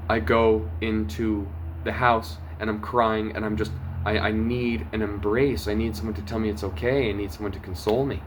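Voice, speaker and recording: Speaking earnestly to camera, a low-voiced man gives his personal testimony as a vlogger, his emotion swinging from urgent, loud pushes to a hushed near-whisper. Faint hiss can be heard in the background.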